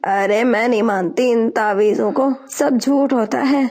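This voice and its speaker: A woman's voice: fairly high pitch, darkish tone. A woman voicing a spiteful, bossy old female sparrow mother-in-law who scolds. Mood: grumbling.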